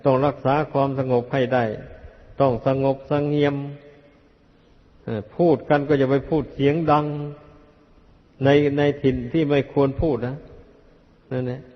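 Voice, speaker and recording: An older man, a Buddhist monk, giving a plain, unhurried dharma talk that admonishes his disciples. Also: medium pitch, little pitch movement. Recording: dull lo-fi archive recording in a reverberant hall.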